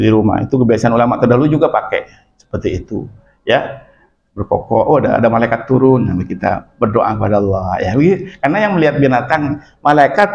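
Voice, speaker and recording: A man's voice: mid-range voice, muffled recording. A man from Madura with a Madurese accent, teaching a religious lesson in an emphatic manner and often checking in with his listeners. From Madura, Indonesia. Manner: lively, emphatic, with frequent affirming "ya". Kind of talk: religious lesson explaining a text. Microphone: phone camera.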